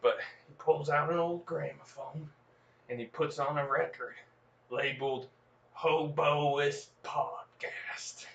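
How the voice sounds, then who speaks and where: A man's voice: on the high side, fairly even intonation, slow, creaky, fairly bright tone, full character voice. A podcast host voicing a young frontier farm boy who spins a rambling tall tale in an exaggerated Old West drawl. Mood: earnest folksy. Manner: folksy rambling yarn with gasps and exclamations. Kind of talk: comedic improvised storytelling. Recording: echoey, lo-fi, distant mic.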